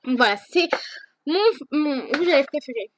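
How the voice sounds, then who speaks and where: A woman's voice: sits high, lively intonation, normal speed, a bit bright. A teenage girl answering viewer questions in a casual vlog, hesitant, with many fillers and restarts. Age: teens. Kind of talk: casual chat.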